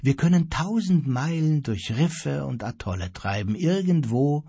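A man voicing a calm, gentle old sea pilot who speaks softly and unhurriedly, in a husky voice. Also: medium pitch, no room sound, full character voice. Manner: soft-spoken, quiet and unhurried.

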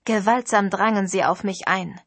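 A woman narrating a novel in the first person, in an even, expressive storytelling voice. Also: mid-range voice, normal speed, creaky, breathy edge, no room sound. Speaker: audiobook narrator.

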